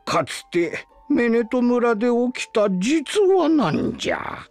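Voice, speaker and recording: An actor playing a sleepy, cranky, hard-of-hearing old village elder in a video game, talking in an old-fashioned, drawn-out way like an old prospector. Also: male voice, extremely high pitch, very animated, creaky, faint music behind, full character voice. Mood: solemn, unhurried. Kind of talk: video game character acting.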